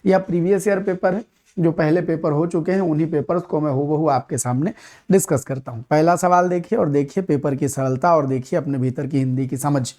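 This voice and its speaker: A male teacher with a fairly high voice explains grammar in an exam-prep lesson. He hammers points home by repeating key words and throwing rhetorical questions at his students. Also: steady tone, brisk, dark tone. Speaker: Hindi teacher.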